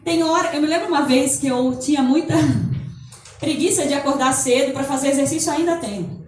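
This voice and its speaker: A woman's voice: sits high, a little fast, a little mellow, faint music behind. A woman giving a motivational talk, acting out inner voices and laughing often. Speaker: speaker at a holistic center. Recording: echoey hall from far off.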